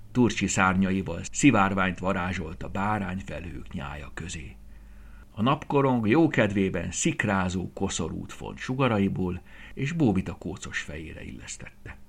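A man reads a children's story aloud in a low voice. His delivery rises and falls a lot. At quiet moments he drops to a soft whisper. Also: vocal fry, breathy edge. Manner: expressive, dropping to soft whispers.

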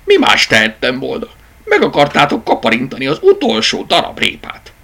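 A man's voice: huge pitch swings, creaky, exaggerated voice. A man voicing a cheeky, insolent rabbit in a children's storybook reading, offhand and snappy. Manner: snappy, offhand, high and sharp. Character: cheeky idle rabbit, plush-toy world, insolent.

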